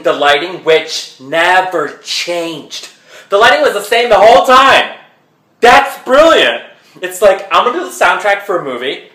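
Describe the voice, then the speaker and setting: A man's voice: sits high, sharp tone, full character voice. Man doing a rambling, flamboyant Broadway fan. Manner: rambling, sidetracked, filler-heavy with "like". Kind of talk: comedic character monologue. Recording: roomy echo.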